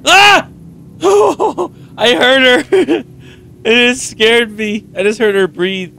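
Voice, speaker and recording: A man commentates on a horror game in a jumpy, exclaiming way, swearing freely. His voice is high and tense, with slow pacing, picked up by a headset. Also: gravelly, pushed and bright, clear, resonant tone. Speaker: gaming video host.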